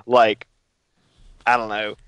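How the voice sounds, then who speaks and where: A young man co-hosting a casual podcast chat, animated and telling stories while acting out his own past quotes. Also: lowish voice, slow pace, clear, resonant tone, dry recording. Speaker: podcast co-host.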